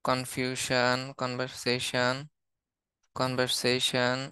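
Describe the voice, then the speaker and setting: Bangladeshi male English teacher, slow flat word-by-word listing, bright crisp close sound. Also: mid-range voice, no room sound. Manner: steady, listing words one by one. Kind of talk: reading out a word list in a lesson.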